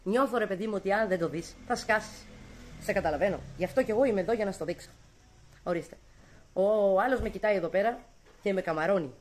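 A woman in her late thirties, chatting casually and teasingly to her viewers while vlogging with her family at home and out at a tavern. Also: mid-range voice. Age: late 30s. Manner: chatty, talks straight to viewers, teasing asides. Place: home and outdoor tavern at night.

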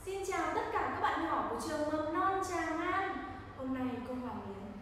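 Cheerful woman teacher with a high voice, speaking to small children, recorded from afar in a very echoey room. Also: expressive, moderate pace, a bit bright, a little hiss or hum. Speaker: kindergarten teacher. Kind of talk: addressing young children. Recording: echoey hall from far off.

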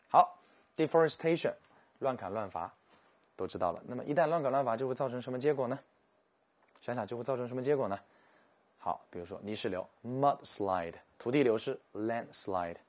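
A man giving a lively, joking English vocabulary lecture, slowing down to sound out English words. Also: mid-range voice. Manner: animated, jokey, stretches English words slowly to show pronunciation.

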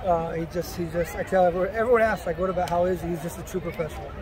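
At an outdoor stadium after a match, a high-voiced male soccer coach answers questions at a postgame press conference as the crowd roars behind him. He speaks very fast with fairly even intonation, casually repeating words and saying "you know" a lot.

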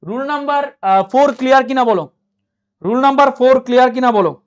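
A man's voice: extremely high pitch, quick pace, dull audio. A man teaching a live online grammar class, repeating each point and checking that everyone understood. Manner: reads out and answers viewer comments, repeats points, asks if clear.

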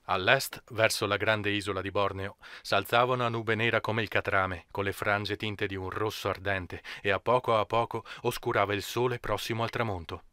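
A man narrating an amateur audiobook in a measured, steady way. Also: fairly low pitch, smooth, dry recording. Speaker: audiobook reader.

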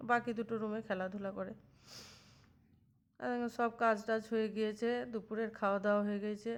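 A woman in her thirties chatting in a homely, rambling way as she narrates a cooking vlog in her home kitchen. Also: fairly high pitch. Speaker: housewife vlogger.

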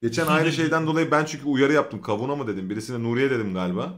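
Male board gamer, mid-pitched, brisk, blunt slangy chat. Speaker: player in an online board game. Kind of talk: casual gaming chat.

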